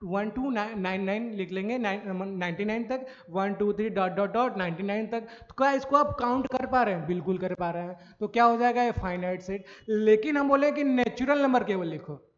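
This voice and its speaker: A man gives a recorded maths lecture in a high voice, walking through each step and answering his own questions. He keeps checking that the class follows. The audio is dull and lo-fi, with a long echo from the room. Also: moderate pace, few pauses. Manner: frequent checks for understanding. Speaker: maths teacher.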